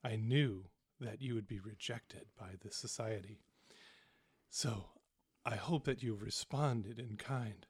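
A man's voice: fairly low pitch, takes it slowly, husky, no echo, pitched below the performer's own voice, heavily acted. A man voicing a cruel older male shapeshifting ambassador with a sing-song, lulling voice, smirking and coaxing. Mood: coaxing, gleeful. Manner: smirking, coaxing, gleeful about harm.

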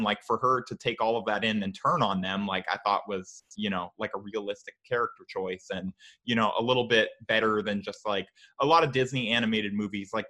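A man's voice: on the low side, sharp tone. A young man co-hosting a podcast in casual chat, dry and blunt in his opinions. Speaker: podcast co-host.

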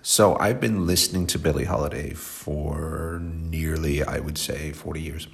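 A man's voice: a bass voice, steady tone, unhurried, vocal fry. A man in his forties hosting a music show, rambling and talkative, a bit stuffed up and tired. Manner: rambling, talkative, self-deprecating. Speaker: radio show host. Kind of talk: casual chatty show talk.

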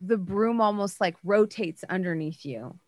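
A woman's voice: mid-range voice, a little slow, a little mellow, a little hiss or hum. A woman narrating as game master in a casual way, with many fillers like "like" and "uh". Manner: casual, many likes and uhs.

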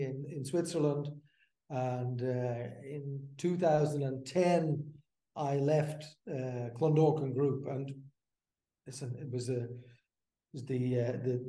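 A man in his fifties from the Netherlands, a brewery co-founder, talking as a podcast guest in a halting, filler-filled way. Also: medium pitch, dark tone, echoey room. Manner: halting, many fillers and restarts. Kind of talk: casual interview.

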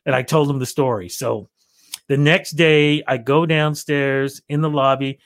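A man's voice: medium pitch, measured pace, no echo, studio quality. A middle-aged Canadian man, a radio reporter, telling stories as an interview guest and acting out both voices of remembered phone calls. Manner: animated storyteller who acts out both sides of remembered phone calls. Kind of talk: casual storytelling in an interview.

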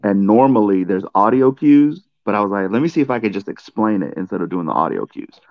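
A man's voice: fairly low pitch, lively intonation, brisk, no room sound, muffled recording. A man who is a comedy podcast guest, chatting in a laid-back, amused and self-deprecating way. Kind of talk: casual podcast chat.

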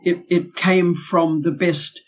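Fairly low-pitched and slow, with a steady tone, this former Australian diplomat and academic makes her case forcefully on a podcast. She drives her arguments home with rhetorical questions.

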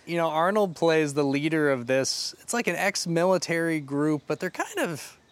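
A man's voice: fairly high pitch, lively intonation, normal speed, no echo. A man co-hosting a podcast in casual chat, talking loosely with many fillers. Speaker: podcast co-host.

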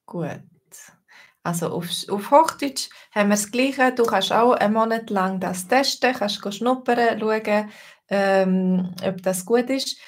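A woman with a Swiss German accent, giving a casual online lesson as a language teacher, slow and hesitant with many fillers. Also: mid-range voice.

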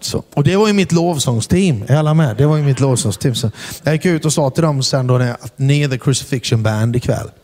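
A man preaching a storytelling sermon, animated and calling out to the congregation whether they follow him. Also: medium pitch. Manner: animated, asks the crowd "are you with me?"; shouts acted quotes in English. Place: church hall before a congregation. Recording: long hall reverb.

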